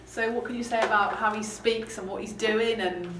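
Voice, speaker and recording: A woman's voice: fairly high pitch, fairly even intonation, moderate pace, fairly bright tone. A woman teacher talking casually through a novel, chatty and hesitant with lots of ums. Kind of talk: casual literature lesson chat. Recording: roomy, distant mic, background noise.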